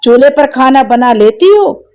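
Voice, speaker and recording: A woman's voice: high-pitched, lively intonation, moderate pace, darkish tone, smooth, pitched above the performer's own voice. A woman voicing a stern, fussy middle-aged woman who questions and scolds a prospective bride. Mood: questioning. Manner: demanding, disapproving.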